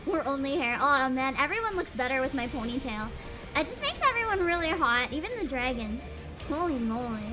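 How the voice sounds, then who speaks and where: A woman livestreamer with a cute, bubbly, giggly anime-streamer manner, chatting and reacting excitedly and often repeating her phrases. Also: sits high, brisk, music in the background.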